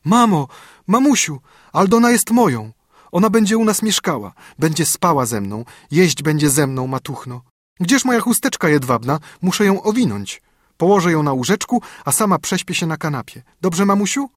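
A man's voice: fairly high pitch, moderate pace, dry recording, clean studio sound, voice pushed up. A man voicing a breathless, overjoyed little girl. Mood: ecstatic. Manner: breathless, trembling excitement. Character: poor little girl giddy with joy.

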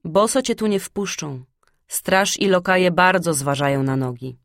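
A woman's voice: lowish voice, expressive, unhurried, no echo, studio quality. Woman doing a chatty old crow. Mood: knowing.

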